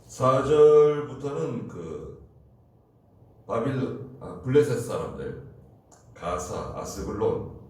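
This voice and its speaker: A man preaching a slow, deliberate early-morning sermon as pastor, asking rhetorical questions. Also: mid-range voice, big pitch swings, a little mellow. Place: church. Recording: roomy, distant mic with faint noise.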